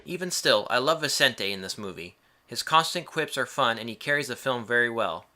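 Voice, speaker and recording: Bright, forceful man narrating a wry film review. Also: medium pitch, lively intonation, a little fast. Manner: wry, joking asides. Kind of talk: scripted review narration with casual asides.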